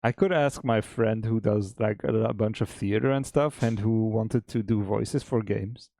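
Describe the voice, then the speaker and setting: A man, an indie game developer, chatting casually on a stream, relaxed and laughing often. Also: fairly low pitch, moderate pace, vocal fry, no echo. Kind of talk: casual chat on a dev stream.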